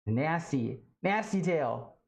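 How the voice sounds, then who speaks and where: A streamer from Alabama chatting casually on a livestream from a home studio, halting and rambling with many fillers and restarts. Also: mid-range voice, expressive, vocal fry, a little mellow. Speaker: livestream host.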